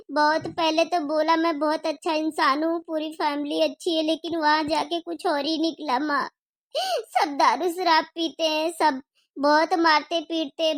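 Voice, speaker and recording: A high, tearful young daughter in a homemade cartoon story, as a woman acts her out. She speaks slowly and pleadingly with a dry, close sound. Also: dry recording. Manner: sobbing, slow and pleading.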